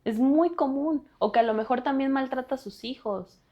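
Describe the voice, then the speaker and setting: Appearing as a guest on a podcast, a Mexican-accented woman who works as a lawyer and activist talks with earnest directness and appeals to the audience. She has a high-pitched voice at a normal pace, and the recording sounds muffled.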